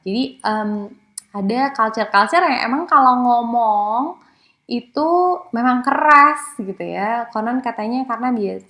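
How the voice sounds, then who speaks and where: Woman, casual lecturer, loose and chatty, mixes in English words, acts out quotes in a higher voice. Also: vocal fry, fairly bright tone. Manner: casual, with frequent fillers and English terms; acts out quoted speech in a raised voice. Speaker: psychology lecturer. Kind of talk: online lecture.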